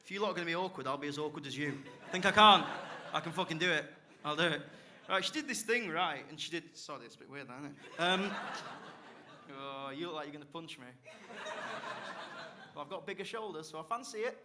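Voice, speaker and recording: A man's voice: a little high, lively intonation, a little fast, noisy background. A young man from South Yorkshire with a South Yorkshire accent, doing a live stand-up set on a comedy club stage with cheeky, sweary banter aimed at the crowd. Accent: South Yorkshire English. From Barnsley, South Yorkshire, England.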